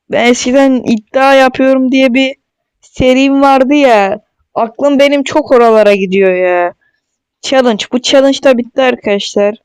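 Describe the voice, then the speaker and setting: A man giving casual, excitable gameplay commentary, joking and talking straight to his viewers. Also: very high-pitched, clean tone, no room sound. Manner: chatty and excitable, jokes and talks straight to viewers. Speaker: mobile gaming streamer.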